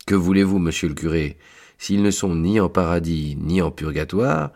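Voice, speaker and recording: A man voicing a tall, dark-winged male angel of purgatory with a raspy, mournful voice, often pitched higher than his own. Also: normal speed. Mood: exasperated. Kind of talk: storytelling read-aloud.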